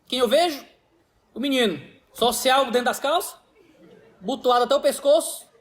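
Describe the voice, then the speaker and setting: A man in his thirties, a pastor preaching a sermon and telling personal stories in an animated, slangy, blunt way. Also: extremely high pitch, moderate pace.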